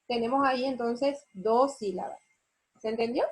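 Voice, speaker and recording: A woman teacher with a Paraguayan Spanish accent, giving an online spelling lesson and explaining step by step with frequent check questions. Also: fairly high pitch. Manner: slow, explanatory, asks rhetorical check questions. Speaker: university teacher.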